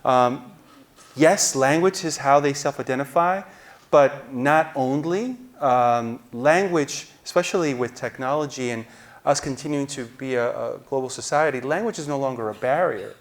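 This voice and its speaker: A man's voice: mid-range voice, normal speed. A man in his forties from New Jersey, answering as a journalist on a stage panel, explaining at length and gesturing as he talks, into a lapel mic. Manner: explanatory, gestures while talking. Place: auditorium stage.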